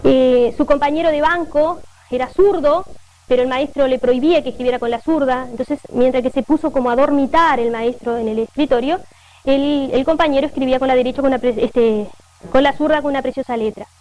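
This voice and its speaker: A Uruguayan woman with a high voice gives a lecture to an audience of teachers. Her delivery is conversational, full of fillers and quick checks with her listeners. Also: a little mellow, no echo, low-quality recording. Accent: Uruguayan Spanish. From northern Uruguay. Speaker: teacher educator giving a talk. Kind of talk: lecture with read-aloud quotations.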